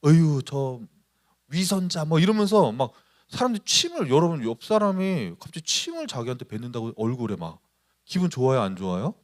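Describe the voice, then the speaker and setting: Lively man preaching to students. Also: mid-range voice, brisk. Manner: animated, acts out quoted voices, asks the congregation questions. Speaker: pastor. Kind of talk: youth service sermon.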